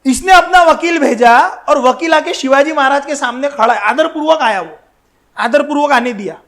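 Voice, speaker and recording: A man giving a history lecture in a colloquial storytelling style, animated and speaking straight to his listeners with slangy asides. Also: very high-pitched, moderate pace. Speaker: history educator.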